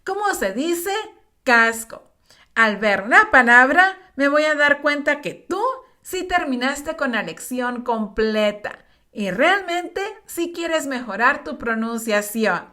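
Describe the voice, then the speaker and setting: Bright high-voiced woman teaching pronunciation. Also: expressive. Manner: repeats each word slowly and carefully, encouraging. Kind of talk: slow, clear pronunciation drill for learners.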